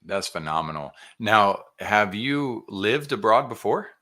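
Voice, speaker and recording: A man's voice: on the low side, animated, unhurried, pushed and bright. A man hosting a podcast interview, enthusiastic and encouraging in a casual way. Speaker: podcast host.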